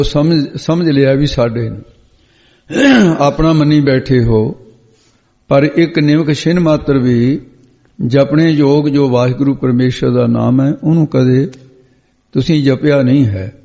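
Male preacher, dark mellow voice, word-by-word scripture sermon, lo-fi hall recording. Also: mid-range voice. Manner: glosses each word, repeats phrases, corrects pronunciation. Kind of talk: line-by-line scripture exposition sermon. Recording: dull lo-fi sound with long hall reverb.

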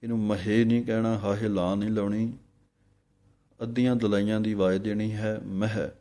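A man leads a careful scripture recitation lesson in a low, mellow voice. He chants each line slowly and then spells out the letters and vowel marks. His delivery stays even and unhurried throughout. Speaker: Gurbani pronunciation teacher. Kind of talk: santhya lesson, slow chanted recitation with explanations.

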